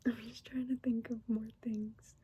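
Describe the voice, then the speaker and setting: A woman in her twenties chatting in a soft whisper for an ASMR get-to-know-me video, unhurried and giggly, close to the microphone. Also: fairly high pitch, flat delivery, breathy edge, poor audio. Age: 20s. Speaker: ASMR creator. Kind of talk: soft-spoken ASMR chat.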